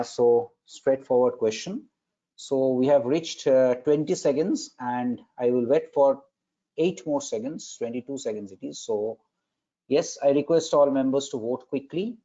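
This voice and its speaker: A man with a mellow, mid-range voice moderates an online webinar session, politely and procedurally running timed polls and counting down the time. The audio has the dull, lo-fi quality of an online call.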